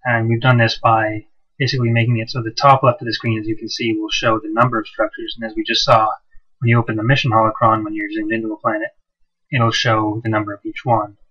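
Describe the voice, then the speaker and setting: Here the same kind of relaxed gameplay commentary comes quickly, from a man whose voice is low and a little rough. He's a game mod developer who keeps restarting and dropping in "uh"s, and his worn, inexpensive microphone leaves him sounding muffled and hollow, well-bottom style.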